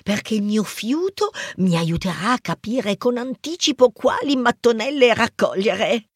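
A woman voicing an eager young female mouse athlete in an audiobook, chirpy and animated. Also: a little high, measured pace, breathy edge, no room sound, studio quality. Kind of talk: audiobook character voice.

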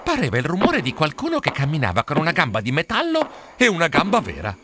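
Man reading a lively children's story. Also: background noise. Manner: theatrical, swooping pitch, drawn-out words, sound effects. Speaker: storybook reader. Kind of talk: expressive children's story narration.

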